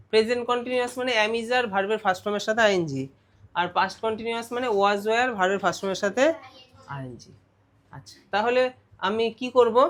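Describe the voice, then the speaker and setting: A man's voice: high voice, a bit bright. A man with a West Bengal Bengali accent, a teacher giving an exam revision lesson and explaining step by step with frequent check-in questions.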